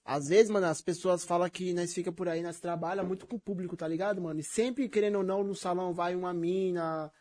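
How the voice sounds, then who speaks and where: A man talks casually and quickly in a high-pitched voice. He has a Brazilian Portuguese accent from São Paulo and leans heavily on street slang. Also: fairly even intonation, darkish tone. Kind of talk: casual chat.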